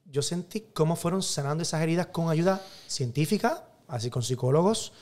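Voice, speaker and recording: A man's voice: fairly high pitch, brisk, darkish tone. Priest telling his story. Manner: emphatic, storytelling, acts out quoted dialogue. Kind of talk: personal testimony in an interview.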